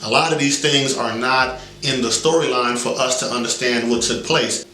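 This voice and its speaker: A man's voice: medium pitch, normal speed, pushed and bright, a little hiss or hum. A man giving casual commentary as a vlog host, talking in a loose, conversational, hedging way. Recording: roomy echo.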